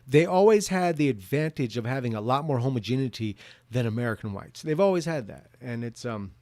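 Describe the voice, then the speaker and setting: Male commentator, mid-pitched and closely dry-recorded, rambling monologue with stop-start, repetitive phrasing. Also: animated, a little mellow, dry recording. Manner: halting, repeats words and restarts sentences often. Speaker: video commentator answering viewer questions.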